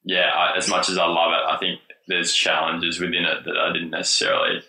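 Bright-voiced man in his twenties. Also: low-pitched, fairly quick, creaky, echoey room, rough recording. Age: 20s. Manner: relaxed, rambling, many fillers. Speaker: podcast guest. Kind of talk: casual chat.

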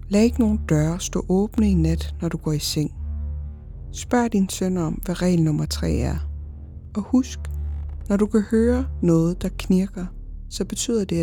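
A woman voicing an eerie little pale boy who calmly lays out the rules of a creepy game in a storytelling podcast. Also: lowish voice, close to an everyday voice.

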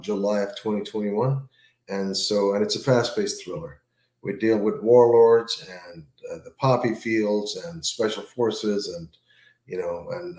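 A man, an author, chatting casually in an interview, relaxed and full of fillers and repeated words. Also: fairly low pitch, echoey room. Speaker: author guest.

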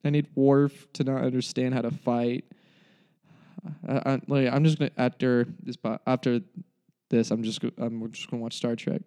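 A man's voice: mid-range voice, little pitch movement, moderate pace, dark tone. A young man giving a casual spoken movie review, rambling and cutting himself off, with mock-dramatic despair.

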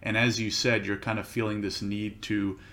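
A man hosting a podcast, asking relaxed open questions in a conversational way. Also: on the low side, moderate pace. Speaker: podcast host. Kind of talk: casual podcast interview.

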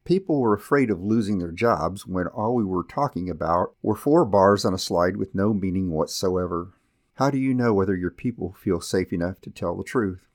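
A male podcast host giving a scripted narration in a measured storytelling manner. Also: low voice, expressive.

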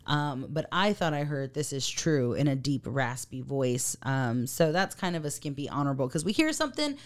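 A woman's voice: very deep voice, normal speed. A woman co-hosting a podcast, chatting casually and animatedly while reviewing a TV episode. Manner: chatty and animated, fillers and laughs. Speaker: podcast co-host.

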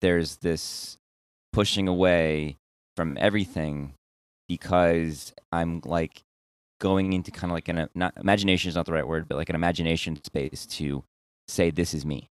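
A man's voice: deep voice, steady tone, moderate pace, clean tone, no echo, clean studio sound. A man hosting a casual podcast discussion, rambling and searching for words with frequent restarts. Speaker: podcast host.

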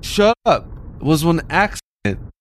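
A man voicing an excitable young local man with a Hawaiian Pidgin accent in an audio story, with slangy, pidgin-tinged delivery. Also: medium pitch, takes it slowly, natural voice. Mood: defensive.

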